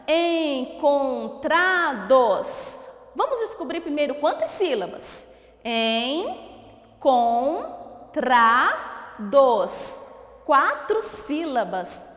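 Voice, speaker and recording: A woman teacher with a Brazilian Portuguese accent giving a recorded lesson for children, asking pupils questions and drawing out each syllable slowly. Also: high-pitched, fairly bright tone. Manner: slow, drawn-out syllable-by-syllable pronunciation, asks questions to pupils. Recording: echoey room with long reverb.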